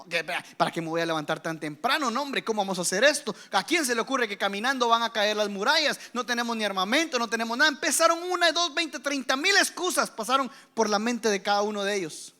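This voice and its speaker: A male pastor preaching a sermon, swinging from loud exhortation to hushed whispers and acting out the voices of the doubting crowd. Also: high voice. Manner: acts out the doubting crowd's voices in his telling.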